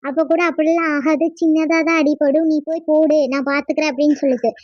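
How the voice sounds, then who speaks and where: A woman voicing a defensive young village girl in a cartoon, retelling events in a rapid, blame-shifting way. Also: sits high, fairly even intonation, no echo, highs cut off, natural voice. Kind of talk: cartoon voice acting.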